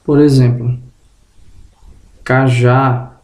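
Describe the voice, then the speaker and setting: A man giving a spoken grammar lesson, slowly drawing out example words and checking in with the viewer, slightly groggy and tripping over words. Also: mid-range voice, flat delivery, a little mellow, reverberant. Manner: tag questions to the viewer. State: just woke up, tongue tripping. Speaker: teacher.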